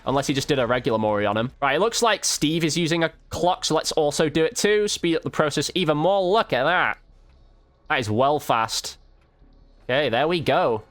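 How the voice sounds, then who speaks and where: With no room sound at all, the streamer's voice comes through on the high side and fairly bright. He's a YouTube host giving relaxed, exclamatory commentary full of slang as he plays a game live.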